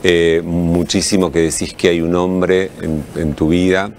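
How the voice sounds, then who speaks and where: A man's voice: low voice, little pitch movement, unhurried, darkish tone, slight background noise. A man with an Argentine accent interviewing a guest, asking playful, teasing questions. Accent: Argentine Spanish. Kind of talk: casual interview chat.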